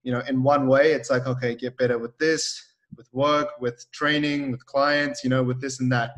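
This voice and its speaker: A man hosting a podcast as a fitness coach, talking in a relaxed, rambling way with lots of fillers. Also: medium pitch, normal speed. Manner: relaxed, rambling, heavy on fillers like "like" and "you know". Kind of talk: casual podcast chat.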